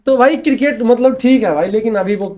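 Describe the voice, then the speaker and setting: A man's voice: very high-pitched, a little fast, a little mellow. A young man from Haryana, a podcast guest, arguing in a heated casual debate, emphatic and repetitive, often calling his host "brother". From Haryana, India. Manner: emphatic, keeps saying "bhai", repeats points.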